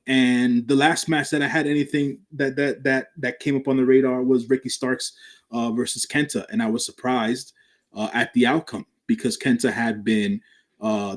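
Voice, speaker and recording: Measured, hedging man co-host. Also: medium pitch, a little mellow. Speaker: podcast co-host. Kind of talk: casual podcast chat.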